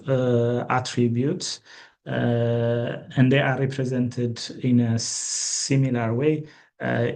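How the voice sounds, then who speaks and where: A man from Ethiopia delivers a training lecture in a slow, hesitant way. His voice is dark and gravelly, with a flat, even delivery broken by frequent fillers and restarts. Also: medium pitch.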